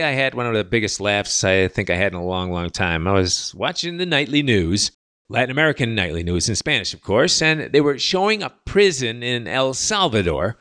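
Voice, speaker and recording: A male podcast host delivering a mocking, sarcastic monologue. His pitch swings widely as he talks, rising and falling with his jabs. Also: fairly bright tone. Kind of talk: sardonic monologue. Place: living in Latin America.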